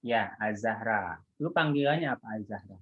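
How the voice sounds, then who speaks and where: A man's voice: on the low side, animated, moderate pace, husky. A man with a Jakarta Indonesian accent and a slightly imprecise R, lecturing informally and often checking that listeners follow. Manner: colloquial, checks understanding with frequent tags. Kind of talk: informal online statistics lecture. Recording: echoey, muffled phone-like call sound.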